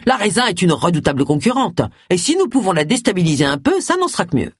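A pompous, blustering agency boss, put on by an audiobook reader, drawing his words out slowly and emphatically. The voice is a little husky and swings widely in pitch. It is recorded dry and close. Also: very animated, no echo, full character voice.

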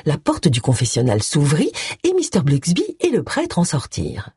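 A woman reading a novel aloud in an expressive storytelling manner. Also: deep voice, normal speed, breathy edge, no room sound, studio quality. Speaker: audiobook narrator. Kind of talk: scripted narration.

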